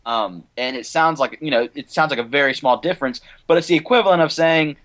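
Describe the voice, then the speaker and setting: A young American man co-hosts a casual panel podcast about films and animation, offering opinions in a rambling, fannish way. His voice is fairly high and a bit bright, and he speaks quickly.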